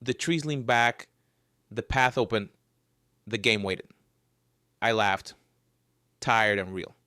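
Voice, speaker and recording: A man's voice: on the low side, takes it slowly, pushed and bright, no room sound, clean studio sound. A man telling a scripted first-person horror story with a wry, joking edge. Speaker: narrator.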